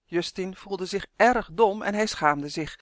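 A calm, even storybook narrator reads aloud at an ordinary middle pitch. The recording is dry and close, with no room sound. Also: a little slow, no echo. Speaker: audiobook reader.

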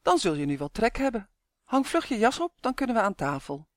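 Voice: medium pitch, very animated, a little fast, no echo, studio quality, voice pushed up, close to an everyday voice. Voorlezer als zorgzame moeder, vlot, plagerig, droog opgenomen. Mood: teasing. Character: caring mother busy cooking, lightly teasing.

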